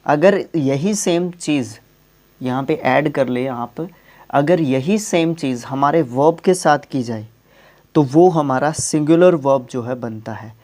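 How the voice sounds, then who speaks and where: A man's voice: mid-range voice, takes it slowly, a little mellow. A man teaching English grammar in Hindi, explaining rules step by step and asking the class questions as he goes.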